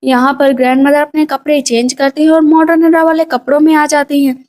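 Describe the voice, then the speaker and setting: A woman with a high, bright voice retells a drama's plot as recap narration. She moves along quickly and reads the characters' quoted lines in her own voice, without putting on voices. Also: flat delivery.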